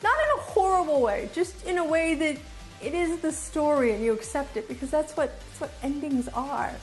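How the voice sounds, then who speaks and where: A video host gives a casual, unscripted review to camera, enthusiastic and emphatic, often repeating phrases to drive her point home. Her voice sits high and animated at a moderate pace, with soft music in the background.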